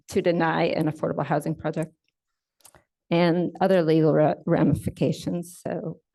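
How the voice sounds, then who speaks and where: With a low, gravelly voice that carries a warm tone, a woman from state housing enforcement presents slides at a conference. Her explanations are measured, sprinkled with fillers and self-corrections.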